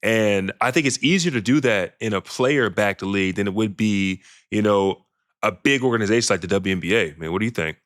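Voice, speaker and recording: A young man hosting a podcast interview, laid-back and affirming, tossing in quick agreements as his guest talks. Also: fairly low pitch, fairly bright tone, no room sound, studio quality. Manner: laid-back, affirming, lots of short backchannels. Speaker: podcast host. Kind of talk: casual interview talk.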